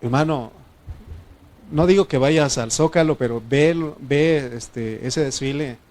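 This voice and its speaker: A pastor with a Mexican Spanish accent preaches a sermon at a slow pace in a medium-pitched voice. He swings between loud declarations and quiet asides to the congregation.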